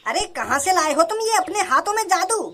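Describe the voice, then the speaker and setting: A woman voicing a cheerful male doctor who is a regular customer in a cartoon, relaxed and full of praise. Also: very high voice, fairly quick, slight background noise, exaggerated voice. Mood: praising.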